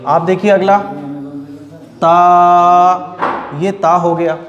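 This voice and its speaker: A middle-aged man gives a patient step-by-step lesson, drawing out each letter sound and repeating it. His voice sits a little high for a man. The recording is roomy, with a long reverb tail. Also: lively intonation, normal speed, dull audio. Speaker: Quran reading teacher. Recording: echoey room with long reverb.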